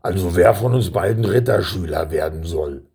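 A brawny, slow-witted young prince from a children's story, voiced by a man. He grumbles in a low, rumbly, gravelly voice and stammers when he gets confused. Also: warm tone, heavily acted. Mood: dim.

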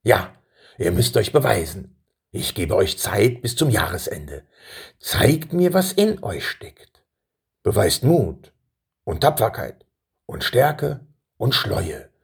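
A man's voice: on the low side, sing-song, gravelly, slightly rough, exaggerated voice. A man voicing an old king who halts and hems through his ceremonious speeches to his two sons. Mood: solemn. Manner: halting, ceremonious speeches full of pauses.

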